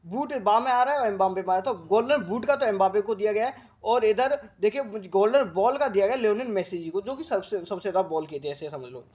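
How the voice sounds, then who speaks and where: Fairly high-voiced coaching teacher. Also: male voice, lively intonation, a little mellow. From Rajasthan, India. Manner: slow, repetitive drilling that coaxes students like a big brother. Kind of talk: current affairs coaching lecture.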